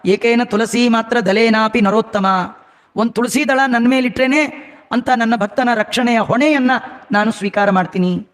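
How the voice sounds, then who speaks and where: A gentle, protective god speaks in slow, solemn declarations, voiced by a man telling a story. The voice sits high for a man, and each promise comes out steady and measured. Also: in a large hall. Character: compassionate divine lord, male, protective and tender.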